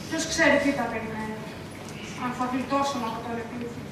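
A woman's voice: a little high, fairly even intonation, noisy background, natural voice. A woman acting an anxious, devout mother in a school stage play, lamenting and pleading, recorded from far off on an echoey stage. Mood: worried. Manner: fervent, prayerful, lamenting. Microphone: distant camera mic.

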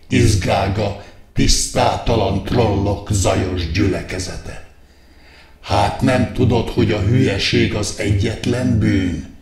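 A man's voice: fairly low pitch, a little mellow, natural voice. A man playing a pompous male wizard doctor who preaches stillness in a satirical guided meditation, declaiming long lists of verbs. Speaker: meditation therapist in a satirical video. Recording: echoey hall from far off, music behind.

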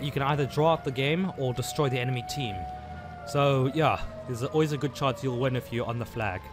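A man's voice: medium pitch, background noise. A man from South Africa giving casual live commentary while playing a video game, muttering his reactions as he plays. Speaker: gaming channel host.

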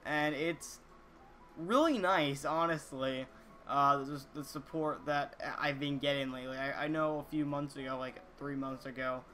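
A fourteen-year-old boy vlogging casually to viewers, talking in an earnest, halting way with repeated words. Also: on the high side, pushed and bright, faint music behind. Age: teenager, 14. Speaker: YouTuber reading viewer comments. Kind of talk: casual chat to camera. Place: small indoor room, gaming chair.

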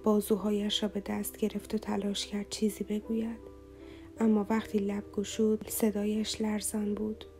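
A woman reading a romance novel aloud as an audiobook narrator in a slow, somber, even way. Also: mid-range voice, faint music behind.

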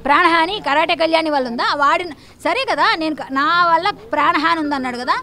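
A woman talks in a high voice at a racing pace. She is defiant and accusatory, firing off her points in a heated news interview. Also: pushed and bright. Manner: fiery, defiant, rapid-fire and accusatory.

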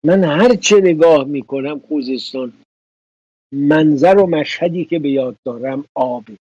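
A man's voice: a little high, darkish tone, husky, no room sound, dull audio. A man hosting a political commentary show, talking indignantly and sarcastically in a studio.

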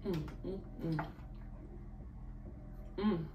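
A woman's voice: on the low side, steady tone, drawn-out words. A woman eating with her mouth full, letting out savoring hums during a casual eating vlog. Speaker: mukbang vlogger. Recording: echoey room from a distance with noise.

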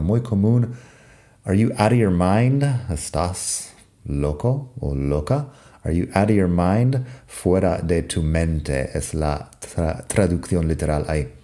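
A man with a low, mellow voice teaches in an unhurried podcast lesson. His first language is English, and he reads example sentences slowly and patiently before explaining them.

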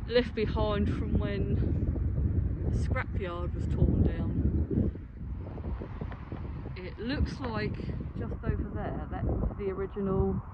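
A British urban exploration vlogger walks through an open derelict site, giving casual, hesitant, rambling commentary in a mid-range voice, slow with frequent pauses. It's recorded on a handheld phone without a headset, so the audio is dull, noisy and windy.

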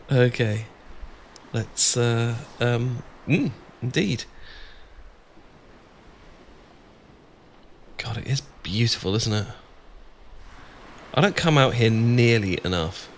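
A British man with a medium-pitched, animated voice plays an adorkable, bashful young friend in an improvised-sounding ASMR boyfriend roleplay. He speaks slowly, pausing often, and his relaxed, chatty delivery is hesitant, stammering and rambling. Background noise and ambience are clearly audible.

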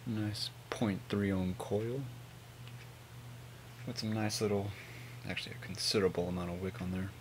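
A man in his twenties giving a casual, mumbled, sweary product review on a low-volume webcam recording. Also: level tone, normal speed, pauses often, background noise. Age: 20s. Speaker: vape reviewer. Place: small home room with hanging clothes.

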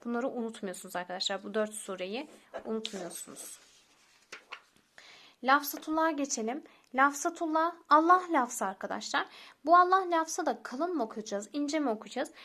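Female teacher, young adult, fairly high pitch; patient, repetitive lesson delivery. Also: animated, bright, forceful tone. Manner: patient, repeats rules step by step, addresses listeners as friends; slows down to recite example words. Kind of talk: recorded tajweed lesson.

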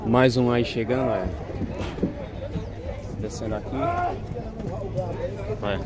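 A man's voice: mid-range voice, animated, slow pace, creaky. A man filming on his phone at an outdoor cattle market, chatting casually to his viewers and pointing things out as he walks. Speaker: vlogger filming a cattle fair. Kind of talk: casual phone-camera commentary. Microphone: handheld phone camera. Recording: crowd noise at an outdoor market. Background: crowd and vehicles at an outdoor fair.

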